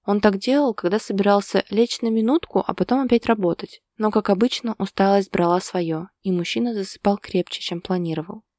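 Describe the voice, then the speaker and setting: Brief: calm female storyteller, dark mellow tone, dry close mic. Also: mid-range voice, a little fast, few pauses, dry recording. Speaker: narrator. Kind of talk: scripted story narration.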